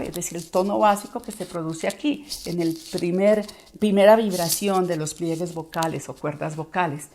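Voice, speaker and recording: A woman's voice: fairly low pitch, a little mellow, a little hiss or hum. A woman voice coach explaining how the voice works in a video lesson, sometimes acting out listeners' reactions.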